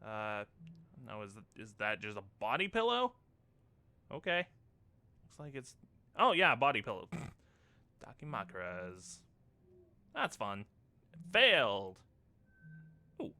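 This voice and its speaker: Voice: mid-range voice, big pitch swings, takes it slowly, long pauses, bright, forceful tone, dry recording. A gamer giving casual let's-play commentary, with playful sing-song asides to the game's characters. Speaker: gamer narrating a playthrough.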